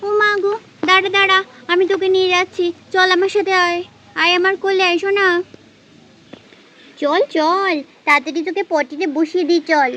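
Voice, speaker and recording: A woman voicing a bustling village mother doll who scolds and dotes on her children, talking fast and nagging. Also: very high-pitched, steady tone, bright, forceful tone. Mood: fussing. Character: fussy village mother, scolding yet doting. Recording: dull lo-fi sound.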